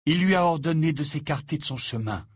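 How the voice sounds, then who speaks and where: Harry, a man doing a grim hushed teenage boy. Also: fairly quick, slightly rough, no echo. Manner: low, subdued, steady. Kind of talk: audiobook character voice.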